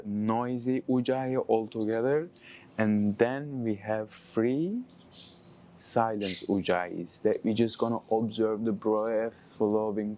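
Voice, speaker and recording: A man with a fairly low voice leads a breathwork lesson as a yoga teacher. His English has a non-native accent. He instructs in an encouraging way, with some halting searches for the right word. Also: darkish tone, slight background noise.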